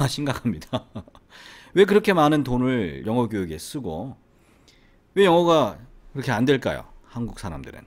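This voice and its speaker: A middle-aged man from the Gyeongsang region with a faint Gyeongsang accent, an English academy owner and teacher talking casually to the camera and often asking the viewer rhetorical questions. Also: mid-range voice. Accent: faint Gyeongsang Korean. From Gyeongsang region, South Korea. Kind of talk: casual educational monologue to camera.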